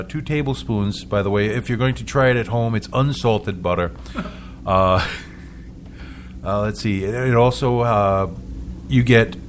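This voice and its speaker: A man's voice: fairly low pitch, slight background noise. A man hosting a casual local radio talk show, chatting with frequent stumbling restarts and chuckles.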